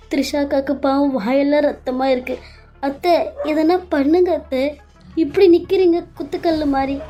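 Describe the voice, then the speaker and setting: A woman's voice: high voice, dark tone, natural voice. A woman voicing an anxious young woman who urgently begs her aunt to do something. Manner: urgent, pleading.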